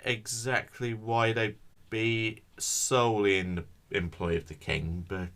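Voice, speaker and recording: A man's voice: on the low side, steady tone, a little slow, fairly bright tone. A man from North East England co-hosting a podcast, adding short, hesitant points about history. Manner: brief, hesitant interjections. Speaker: podcast co-host with history knowledge. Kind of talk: casual podcast chat.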